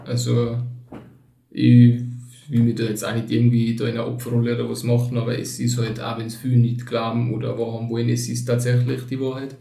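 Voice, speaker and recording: A Turkish-born man in his twenties, raised in Tyrol and speaking with a Tyrolean accent, appears as a podcast guest, talking reflectively and hesitantly with many fillers in a casual conversation. His medium-pitched, warm voice has vocal fry and a completely flat, slightly fast delivery. The recording has a roomy echo, with him somewhat distant from the mic.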